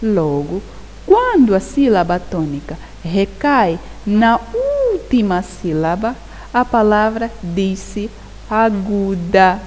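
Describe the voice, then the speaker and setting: A woman teaching a primary school grammar lesson. She speaks slowly and deliberately, repeats key words and keeps checking that the pupils understand. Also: medium pitch, expressive, a little mellow. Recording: long reverb with faint hiss.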